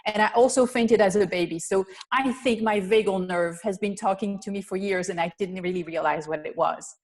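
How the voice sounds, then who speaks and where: A woman's voice: medium pitch, fairly quick, darkish tone. A woman from Belgium with a Belgian accent, a guest presenter giving an earnest, explanatory webinar talk over a video call. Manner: earnest, explanatory, slightly non-native phrasing. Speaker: guest presenter, physical therapist.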